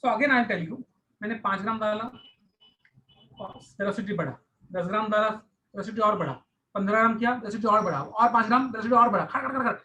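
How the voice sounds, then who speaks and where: A man's voice: high voice, a little fast, pushed and bright, muffled recording. A man teaching a science class, explaining step by step, repeating key phrases and mixing English terms into his Hindi. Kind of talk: online class lecture.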